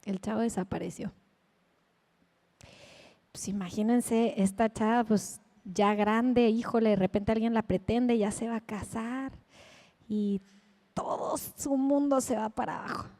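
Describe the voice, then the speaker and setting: High-voiced Mexican woman preaching. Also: measured pace, pauses often, big-room sound. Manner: animated, chatty, with asides and laughs. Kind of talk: sermon with personal storytelling.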